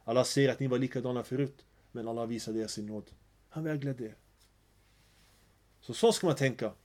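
A man's voice: medium pitch, darkish tone. A man giving an earnest religious lecture, telling stories and mixing in phrases. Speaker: preacher.

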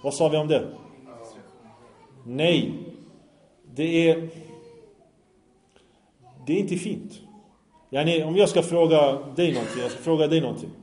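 Mellow-voiced man giving a lecture. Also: on the high side, long pauses, reverberant. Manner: earnest, asks listeners rhetorical questions. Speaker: Islamic lecturer. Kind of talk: religious lecture with audience questions.

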